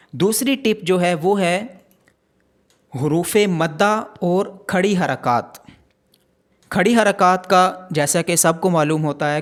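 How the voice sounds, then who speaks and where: Man with a pakistani urdu accent teaching quran reading, repeats letter sounds slow and patient. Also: a little high. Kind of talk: step-by-step pronunciation lesson.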